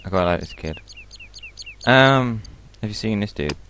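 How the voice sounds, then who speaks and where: A man's voice: fairly low pitch, animated, a little slow, fairly bright tone, smooth. A man giving casual, offhand commentary over a video game as he plays, joking about it. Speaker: let's play host.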